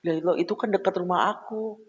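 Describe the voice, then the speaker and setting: A man's voice: high-pitched, steady tone, brisk, slightly rough, pitched above the performer's own voice. Man doing a naive, anxious schoolgirl. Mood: worried. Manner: raised, anxious voice. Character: naive young schoolgirl, worried. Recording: echoey hall, dull lo-fi sound.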